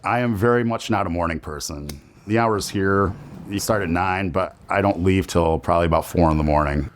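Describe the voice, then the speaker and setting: A man's voice: low voice, a little fast. A man in his forties, a bartender, talking candidly in a documentary interview. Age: 40s.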